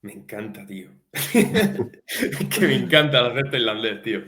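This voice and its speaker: A man's voice: medium pitch, normal speed. A young man from Spain, a teacher, chatting casually and informally as a guest, peppering his talk with slang. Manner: informal, says tío a lot, lively and laughing. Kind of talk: casual chat. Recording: echoey room.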